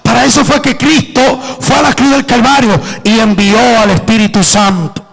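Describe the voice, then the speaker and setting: A man's voice: very high-pitched, steady tone, moderate pace, vocal fry, fairly bright tone, low-quality recording. A male pastor preaching an impassioned sermon to a church congregation, with emphatic calls for the listeners to respond.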